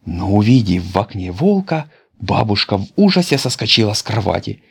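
A man reading a children's fairy tale aloud, in an expressive, animated manner. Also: on the low side, normal speed, vocal fry, slightly rough. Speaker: narrator.

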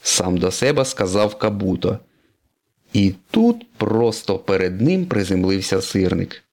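A man's voice: on the low side, big pitch swings, measured pace, creaky, darkish tone. A man reading a children's storybook aloud, narrating expressively.

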